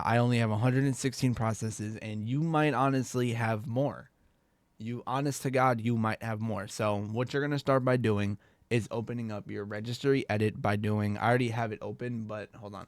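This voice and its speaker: A young man with a stuffy, congested voice at fairly low pitch gives a rambling, laid-back computer tutorial, laughing off his own slips. He's a tech tutorial creator making a casual screen recording, and there's no room sound.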